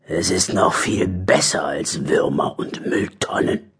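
A sly, self-satisfied male badger from a children's storybook, drawling low and hushed with a husky grain, as a man puts him on. He sounds pleased with his own cleverness. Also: fairly even intonation, takes it slowly, in a whisper, full character voice. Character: sly cocky male badger gang leader.

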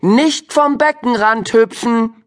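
A man's voice: extremely high pitch, takes it slowly, pitched above the performer's own voice. A man voicing a strict female schoolteacher in a children's audiobook, speaking in a stern, commanding way. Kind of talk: audiobook character voice.

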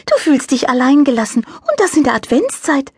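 A woman voicing a cheerful little child angel with a delicate, high voice who speaks overly clearly. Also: very animated, normal speed, no echo, studio quality. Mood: bright, eager.

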